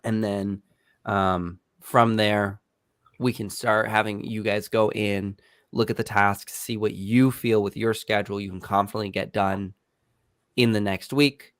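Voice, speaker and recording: A man's voice: lowish voice, steady tone, unhurried, no room sound, studio quality. A man hosting a casual team meeting, easygoing and upbeat, laughing often.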